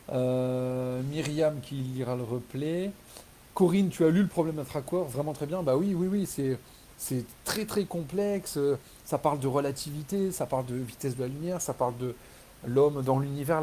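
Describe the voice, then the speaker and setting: A man talking casually and enthusiastically in a live chat with readers, rambling with many fillers and restarts, and growing animated when he retells a scene. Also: mid-range voice, slight background noise, poor audio. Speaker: author hosting a live reader Q&A.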